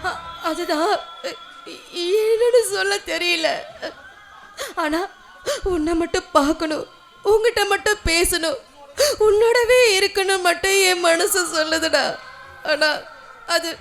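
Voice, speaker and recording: An actress playing a young woman in love who speaks in a tearful, halting, stammering way in film dramatic dialogue. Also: very high-pitched, vocal fry, a bit bright, soft background music, full character voice. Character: young woman, emotional, teasing her beloved.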